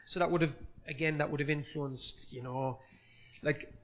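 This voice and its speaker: A man's voice: on the high side, fairly even intonation, moderate pace, a bit bright. A man in his forties from Cork with a Cork Irish accent, a comedian guest chatting on a podcast, earnest and self-deprecating. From Ireland, Cork City. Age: 40s. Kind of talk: casual podcast chat. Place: comedy club recorded live.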